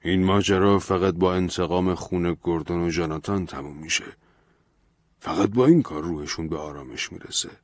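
Low-voiced male narrator as a proud, bitter man; storybook reading. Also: no echo. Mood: grim, resolved. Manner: bitter, defiant. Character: proud embittered grieving man, defiant.

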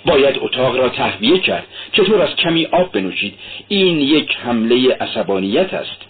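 A man's voice: medium pitch, sing-song, noisy background, lightly acted. A man voicing a sly, talkative police investigator who lectures and then fusses anxiously. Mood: fussing. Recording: tinny lo-fi radio recording.

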